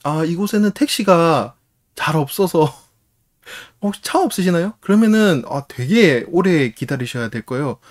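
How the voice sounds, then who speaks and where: A man's voice: fairly high pitch, animated, moderate pace, close to an everyday voice. A man doing a polite countrywoman.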